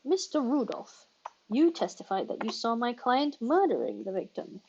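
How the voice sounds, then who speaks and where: A woman voicing a young male defense lawyer in a babyish, drawn-out voice, over game music. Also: on the high side, big pitch swings, darkish tone, dull audio, a little hiss or hum. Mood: babyish, accusing.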